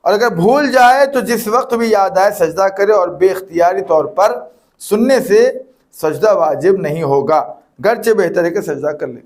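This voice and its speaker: Brief: cleric teaching rulings, man with a high-pitched voice, patient and repetitive, leans on examples. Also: animated, darkish tone. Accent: Urdu with Hyderabadi touch. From Hyderabad, Pakistan. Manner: explains with examples, repeats phrases. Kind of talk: religious lesson.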